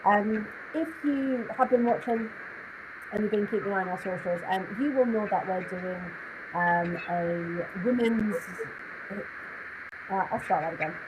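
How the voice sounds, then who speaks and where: A woman's voice: mid-range voice, unhurried, noisy background. A woman co-hosting a casual podcast over a call, her voice muffled and hollow as if inside a fishbowl, chatting with lots of ums and restarts. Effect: muffled, hollow sound as if inside a fishbowl. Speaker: podcast co-host.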